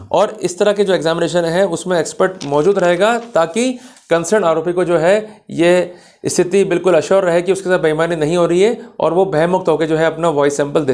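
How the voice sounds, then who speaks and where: A man with a high, darkish voice gives an explanatory law lecture, speaking directly to listeners in a didactic way. He checks their understanding with questions and mixes in English legal terms.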